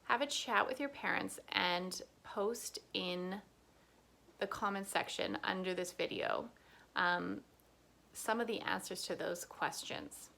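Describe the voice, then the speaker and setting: Slow, sing-song woman reading a picture book. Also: fairly low pitch, expressive, vocal fry, sharp tone. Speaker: storyteller reading to children. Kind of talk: picture-book read-aloud. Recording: echoey room.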